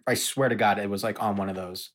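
A man's voice: lowish voice, fairly even intonation, quick pace. A man co-hosting a casual podcast chat, loose and swearing freely while telling stories. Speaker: podcast co-host.

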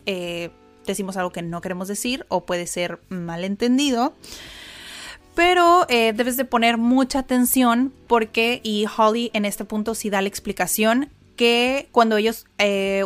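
A woman's voice: on the high side, a bit bright. Chatty woman teacher, laughs often. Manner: chatty, laughs often, repeats words for drilling. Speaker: English teacher and podcast host. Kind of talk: casual reaction lesson.

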